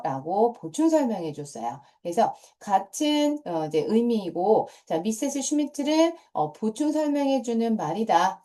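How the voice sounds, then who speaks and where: A middle-aged woman with a mellow, mid-range voice teaches English grammar to middle school students. She is patient, repeats the key points, and often opens phrases with the cue word "자".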